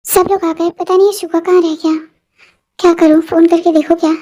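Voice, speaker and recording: A very high-voiced reader playing a young woman anxiously arguing with herself. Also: level tone, brisk, warm tone. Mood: fretful. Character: fretful young woman waiting for someone.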